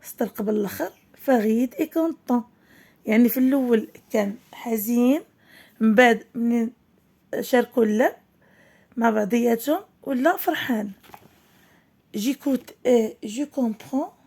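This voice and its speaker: A woman teacher with a Moroccan accent leads a children's reading lesson. Her voice sits a little high and sounds warm and mellow. She reads each line slowly and clearly, then explains it quickly. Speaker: primary school French teacher.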